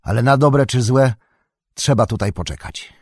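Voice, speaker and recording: Aragorn, a weary ranger, read by a husky man. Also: medium pitch, normal speed, dry recording, studio quality, lightly acted. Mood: weary resolve. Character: weary, steady human ranger, grown man.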